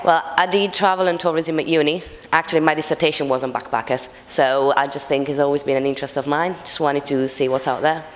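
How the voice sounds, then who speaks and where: A woman's voice: sits low, fairly even intonation, fast, few pauses. A woman giving upbeat, chatty interview answers with many fillers. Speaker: backpacker interviewee. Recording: long hall reverb.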